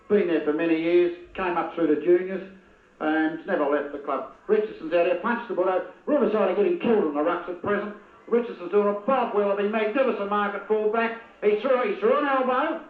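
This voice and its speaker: Man, football commentator, high voice, opinionated, tinny old lo-fi recording. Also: steady tone, a little fast. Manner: blunt, opinionated, heckles players by name. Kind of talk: partisan amateur match commentary. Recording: tinny lo-fi old video with echo.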